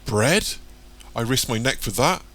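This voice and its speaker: A man's voice: medium pitch, brisk, fairly bright tone, close to an everyday voice. A man voicing an anxious, hot-tempered young man in an audiobook, firing off urgent, demanding questions. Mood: agitated.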